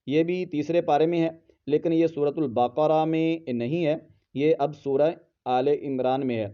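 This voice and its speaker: A man teaching Quran pronunciation in a tajweed lesson, patiently spelling out letters and breaking into slow, drawn-out melodic recitation. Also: a little high, smooth, dull audio.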